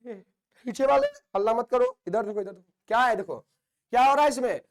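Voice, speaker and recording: A brisk classroom lecture comes from an Indian chemistry teacher whose voice is very high for a man. He playfully teases and scolds the class and repeats key phrases again and again to drill them in.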